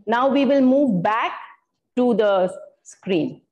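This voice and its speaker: A woman's voice: on the high side, expressive, slow, dull audio. An older woman giving a floral art workshop demonstration, explaining her materials step by step with some fillers. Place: indoor studio room.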